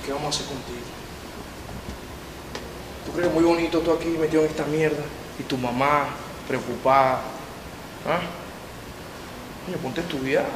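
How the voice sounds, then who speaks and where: An actor playing a tough police commander with a Venezuelan accent, who gives orders and lectures a young suspect. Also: male voice, a little high, fairly even intonation, normal speed, pauses often, lightly acted. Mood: lecturing. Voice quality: gruff, commanding. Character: tough male police chief, stern and fatherly. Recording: reverberant hall, distant mic, noise.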